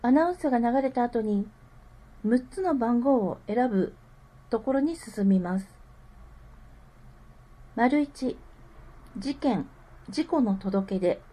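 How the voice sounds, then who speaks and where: Female reader for public notices: soft mellow tone, unhurried, carefully enunciated scripted delivery. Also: a little high, animated, low-quality recording. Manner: careful enunciation, digits read out slowly one group at a time. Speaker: reader of a town newsletter. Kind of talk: scripted informational read-aloud.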